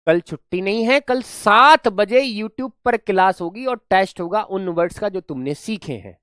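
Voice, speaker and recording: Animated grammar teacher. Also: male voice, high voice, unhurried, clear, resonant tone, no echo, clean studio sound. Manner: animated storytelling, playful, rustic. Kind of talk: live online class.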